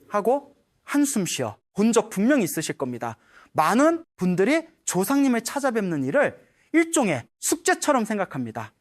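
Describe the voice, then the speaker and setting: A man, presented as a Buddhist monk, gives scripted spiritual advice, coaxing and persuasive, speaking straight to the listeners. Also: high-pitched. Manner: lively, swooping intonation.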